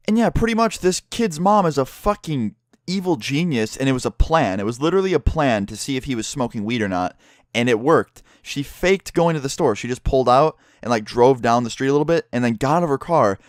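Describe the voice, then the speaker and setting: A man's voice: mid-range voice, no echo, studio quality. A man telling a story in a casual, rambling way, swearing freely as a vlogger. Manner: profane, rambling, animated.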